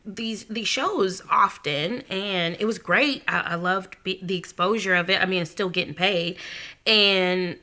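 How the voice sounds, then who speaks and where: A singer sharing stories in a casual group chat, an animated woman. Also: mid-range voice, measured pace. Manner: animated storyteller, laughs often.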